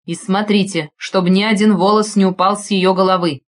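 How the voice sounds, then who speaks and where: Woman reading calm bossy guy on the phone, flat and slow, audiobook. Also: medium pitch, close to an everyday voice. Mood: cold command. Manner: level, unhurried, authoritative. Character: calm, commanding man used to giving orders. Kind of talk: audiobook character voice.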